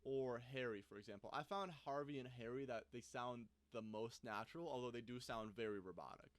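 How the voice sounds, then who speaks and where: A man giving a casual screen-recorded software tutorial, thinking aloud as he clicks through the app. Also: mid-range voice, a little fast. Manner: thinks aloud while clicking, loose and conversational. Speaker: software reviewer.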